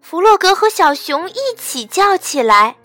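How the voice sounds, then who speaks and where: Woman storyteller reading a children's picture book, gentle and expressive. High, dry, faint music behind. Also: measured pace, dry recording. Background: faint background music.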